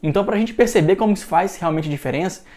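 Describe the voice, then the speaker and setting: A young Brazilian man hosting an investment channel, explaining the market in an energetic, persuasive scripted talk. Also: sits high, fast. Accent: Brazilian Portuguese. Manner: energetic, persuasive, many fillers like "realmente".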